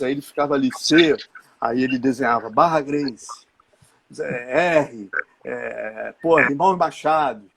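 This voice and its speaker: A man telling a lively anecdote as the guest journalist in a live chat, acting out the shouted quotes. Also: a little high, background noise. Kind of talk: animated storytelling in a live chat.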